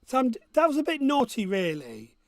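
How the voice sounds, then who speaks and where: A high-pitched man hosts a casual quiz, reading out questions and answers. He has a missing front tooth and a joking, self-deprecating manner. The sound is close and dry. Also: huge pitch swings, moderate pace, gravelly, dry recording. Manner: jokey, self-mocking. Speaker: quiz host.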